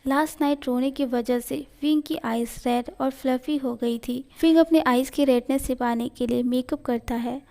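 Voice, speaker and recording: A woman reading a fan fiction story aloud, narrating it at a steady, even pace. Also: high voice, normal speed, vocal fry, hardly any pauses. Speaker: story reader.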